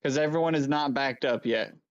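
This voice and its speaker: A man's voice: mid-range voice, a little fast, smooth, lo-fi sound. A man playing in a tabletop game, talking through his moves in a matter-of-fact, casual way. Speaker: player.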